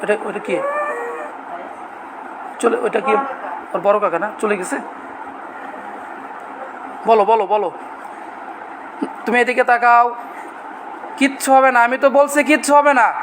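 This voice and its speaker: A man leading an exorcism ritual, coaxing a patient to speak and shouting prayers and threats. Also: extremely high pitch, fairly even intonation, unhurried, pauses often. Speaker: exorcist healer. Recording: loud background noise, live room.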